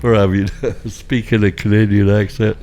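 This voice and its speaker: A man's voice: fairly low pitch, little pitch movement, normal speed, darkish tone. A middle-aged man answering quiz questions on a podcast, with wry, mumbled jokes and asides. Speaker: quiz contestant, the host's father. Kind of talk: casual podcast banter.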